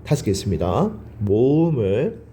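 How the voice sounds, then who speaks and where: A man's voice: medium pitch, very animated, moderate pace, mellow, slight background noise. A male teacher giving a grammar lecture. He asks his class questions, answers them himself and drills the words by repeating them.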